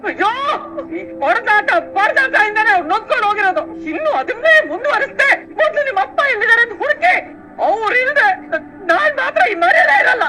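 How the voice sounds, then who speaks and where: A woman's voice: extremely high pitch, expressive, a little fast, poor audio. A woman playing a distraught mother whose husband has left home, wailing and pleading. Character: distraught middle-aged mother, wife of missing man. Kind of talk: TV serial acting.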